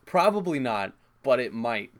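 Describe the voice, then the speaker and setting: A man's voice: medium pitch, very animated, a little slow. A young man with an ordinary mid-range voice riffs on a film in casual chat. He is sarcastic and crude, swearing freely as he jokes.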